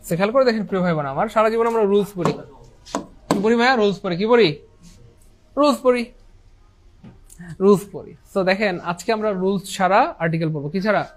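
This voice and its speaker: A man's voice: high voice, a little fast, pauses often, background noise. A man teaching an online English grammar lesson, asking the class questions and answering them himself, mixing English terms into his speech. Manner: often says "inshallah" and "dear brothers and sisters".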